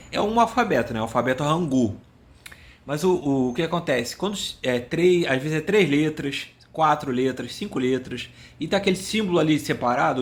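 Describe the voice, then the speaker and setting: Rambling, self-mocking man. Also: on the high side. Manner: rambling, self-mocking, stumbles and searches for words. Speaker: language video host. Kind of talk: casual comedic monologue.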